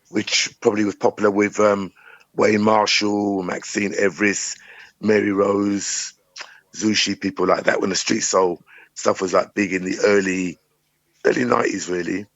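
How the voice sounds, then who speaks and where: A middle-aged man with a croaky voice, a radio talk show guest speaking in a relaxed, casual way. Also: on the low side, normal speed, dry recording, dull audio. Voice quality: croaky morning voice. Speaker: guest, music promoter. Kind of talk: radio interview.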